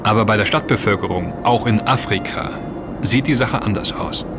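Lightly acted over music, a fairly low-pitched man speaks at a moderate pace, explaining in a scripted audio drama. He plays an earnest, knowledgeable character who emphatically explains and warns his friends.

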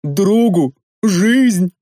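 A man reading an audiobook, voicing a big, grumbling male warrior who addresses his master plaintively, in a raised, louder voice. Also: on the high side, animated, normal speed, no room sound, clean studio sound. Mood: angry. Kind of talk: audiobook character voice.

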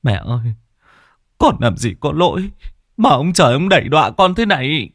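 A man's voice: fairly high pitch, big pitch swings, moderate pace, fairly bright tone, no room sound, voice pushed up, heavily acted. A young father cries out in raw anguish, as a male narrator plays him. His voice swings up and down as he stammers through the grief, recorded dry and close. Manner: sobbing, stammering.

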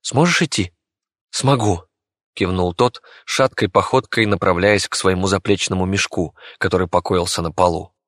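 A man narrating a fantasy audiobook in a steady storytelling voice. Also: deep voice, moderate pace, hardly any pauses, no room sound, studio quality. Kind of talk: scripted narration.

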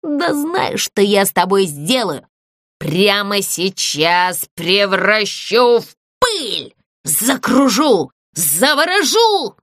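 A woman voicing a pompous male ghost who rules a ruined theatre, speaking slowly and menacingly. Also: medium pitch, sing-song, a bit bright, no room sound, clean studio sound. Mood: gloating. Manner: slow, drawn-out and menacing.

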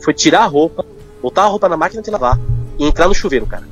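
Man, guest, rapid informal talk, light music underneath. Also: a little high, animated. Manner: fast, informal, full of fillers like "cara". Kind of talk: candid personal conversation.

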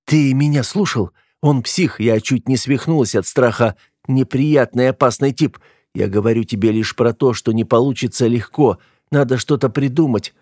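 In a clean studio recording without echo, a man reading an audiobook voices a frightened, tearful young woman who pleads with a raised voice. His tone is medium-pitched, moderately paced, and a little mellow, lifted above his natural voice but still close to everyday speech.

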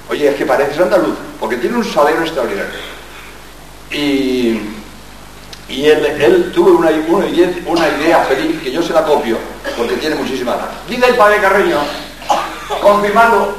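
An older Jesuit priest, born in Barcelona, Spain, delivers a public lecture in a fairly high voice, lively and joking as he fires rhetorical questions at the audience. The mic sits far off in a very echoey, large hall, with slight background noise.

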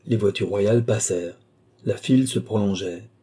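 Male audiobook narrator, dark and mellow, measured delivery. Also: lowish voice, husky.

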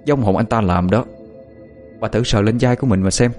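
A man doing a cold, calm young schemer. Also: lowish voice, a little fast, soft background music, natural voice.

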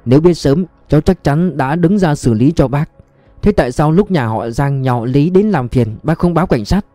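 Give me a man playing a blunt, angry detective boss with a mellow voice. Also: on the high side, animated, normal speed, no echo, faint music behind, natural voice. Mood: firm, questioning. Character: blunt, hot-tempered male police chief, middle-aged.

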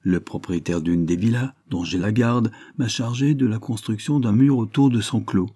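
A man's voice: lowish voice, normal speed, dark tone, no echo, clean studio sound, lightly acted. A man voicing a sly, surly rustic caretaker who talks in a sour, defensive way.

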